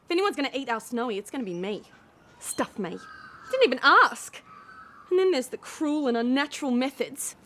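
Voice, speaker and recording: An actress playing an irate, sharp-tongued suburban woman, indignant and insulting in a radio drama. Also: high-pitched, sing-song, normal speed, full character voice.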